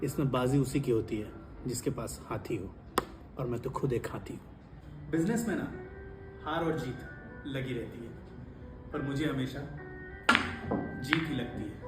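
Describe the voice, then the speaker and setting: A man playing a smug, scheming business tycoon who speaks in a low, slow, gloating drawl. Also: roomy sound, music in the background, lightly acted.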